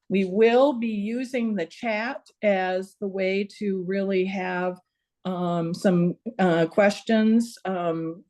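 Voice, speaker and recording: Woman, online town hall host, somewhat low voice, chatty, many fillers, video call. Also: a little mellow. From not from Georgia. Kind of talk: casual welcoming over video call.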